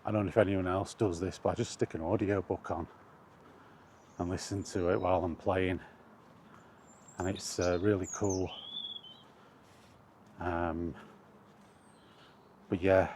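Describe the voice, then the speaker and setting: Walking outdoors while vlogging, a man rambles casually, hesitant and often correcting himself. His low, darkish voice keeps a level tone, a little slow with long pauses, over slight background noise.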